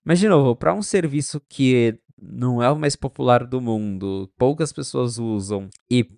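A man co-hosting a podcast in casual tech chat, animated and chatty, acting out little dialogues with friends. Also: mid-range voice, normal speed, vocal fry, no echo, studio quality. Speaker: podcast co-host.

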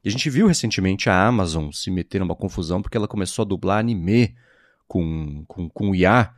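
A man co-hosting a podcast, explaining things in a measured way in casual tech chat. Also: low voice, no echo, studio quality. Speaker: podcast co-host.

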